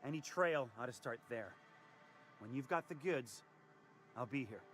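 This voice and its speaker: A man's voice: medium pitch, expressive, measured pace, fairly bright tone, a little hiss or hum. An actor playing a slippery, evasive male hustler in a video game, talking in stammering, wheedling sales patter. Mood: flustered. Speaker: game character.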